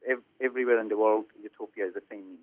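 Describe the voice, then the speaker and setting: Halting Iranian-born man on a phone line. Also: fairly low pitch, steady tone. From Iran. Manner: halting, many fillers and restarts. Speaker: film director. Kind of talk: interview over the phone.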